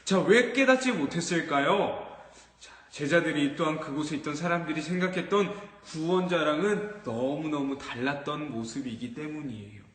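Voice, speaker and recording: A man teaching children, telling a story in an animated sermon and often asking the children questions. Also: a little high, moderate pace. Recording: echoey hall with long reverb.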